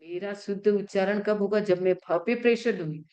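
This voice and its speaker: A woman, a Jain nun, teaching a class in religious chanting and pronunciation. She asks the class questions and answers them herself, and slows right down to sound out words. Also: mid-range voice, dark tone. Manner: stretches words slowly when showing pronunciation.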